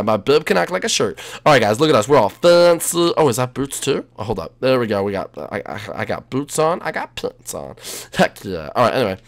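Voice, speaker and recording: A man's voice: medium pitch, creaky. A young man hosting a gaming video, chatting casually and slangily through improvised role-play.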